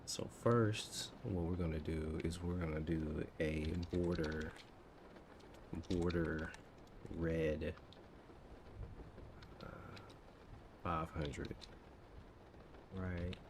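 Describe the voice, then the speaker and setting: His bass voice stretches words out and leaves long pauses as he codes on a casual livestream. The man, in his thirties, thinks aloud in muttered, unfinished phrases against steady background noise.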